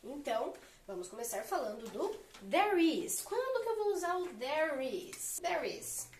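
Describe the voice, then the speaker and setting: High-voiced teacher in an echoey room. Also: female voice, sing-song, unhurried, a little hiss or hum. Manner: clear, patient explaining with rhetorical questions to students. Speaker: English teacher. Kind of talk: whiteboard grammar lesson. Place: room with a whiteboard.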